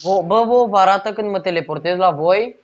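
A man's voice: sits high, highs cut off, slight background noise. A young man playing Minecraft with friends, asking the same question over and over. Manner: nagging, repeats questions. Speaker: Minecraft let's player. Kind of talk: casual gaming chat.

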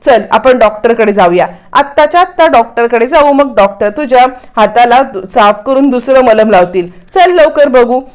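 A flustered young husband who fusses and scolds in the same breath, as a woman narrator reads him out. He repeats his words in a hurry, pitched fairly high. The tone is everyday, with no real change of voice. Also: lively intonation, moderate pace, few pauses, natural voice. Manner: frantic, repeating himself. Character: flustered young husband fussing over a burn.

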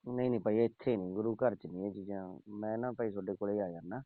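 A man's voice: fairly low pitch, quick pace, no echo. A man on a phone call, coaxing and pleading with the woman he is calling. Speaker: caller. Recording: tinny phone line.

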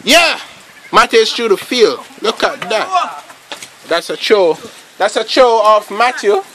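A man giving casual, slangy play-by-play commentary on a pickup football game, rambling between plays and shouting at the big moments. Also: high-pitched, sing-song, unhurried, crowd noise. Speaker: amateur commentator.

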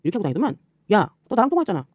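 Furious fast-talking woman ranting. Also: medium pitch, big pitch swings, dry recording. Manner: scolding, swearing, rapid rhetorical questions; repeatedly tags lines with a sharp "eh?". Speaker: YouTuber addressing rivals. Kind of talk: angry confrontational rant.

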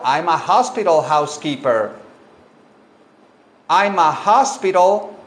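Slow, patient male English teacher. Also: a little high. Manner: repeats phrases slowly, explains in Spanish. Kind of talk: bilingual language lesson. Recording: echoey room.

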